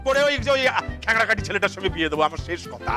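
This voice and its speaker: A man's voice: sits high, lively intonation, very fast, faint music behind. A man playing a frantic, ranting father of the bride. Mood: frantic indignant. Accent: Kolkata Bengali. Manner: ranting, shouting, sarcastic, repeating himself. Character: frantic middle-aged father of the bride, money-obsessed. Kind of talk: theatre play reading.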